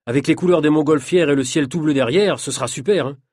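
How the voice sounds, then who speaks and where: A man voicing an excited young photographer in a storybook reading, with a husky voice. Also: mid-range voice, fast talker, no room sound, studio quality, voice pushed up, lightly acted.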